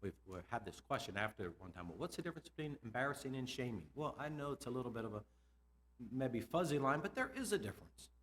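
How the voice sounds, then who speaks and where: A middle-aged man, a school administrator, giving a lively conference talk to teachers, asking them questions and laughing between points. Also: mid-range voice, fast talker, slight background noise. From United States.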